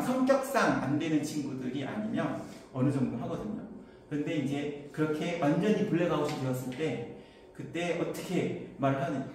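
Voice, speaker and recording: A middle-aged man, an academy instructor, giving an info session to parents in a chatty, anecdotal way, pushing his voice higher to carry. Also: slight background noise. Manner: chatty, anecdotal, raises pitch to project. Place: lecture room. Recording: distant mic, very echoey hall.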